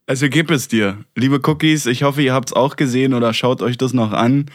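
A man hosting a podcast in casual chat, animated and rambling, with many restarts and fillers. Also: medium pitch, a little fast, no echo, studio quality. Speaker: podcast host.

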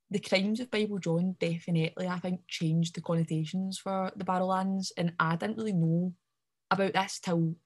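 A young Scottish woman in her twenties co-hosting a podcast, telling stories in a lively, gossipy way. Her voice sits a little low for a woman. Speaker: podcast co-host. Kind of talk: casual chat.

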